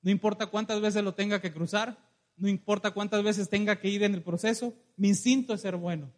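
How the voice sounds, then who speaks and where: Earnest good-hearted little puppy, as a preacher puts him on. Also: male voice, high voice, fairly even intonation, fairly quick, natural voice. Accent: Mexican Spanish. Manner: firm, earnest declaration. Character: kind stubborn little puppy, male, always good.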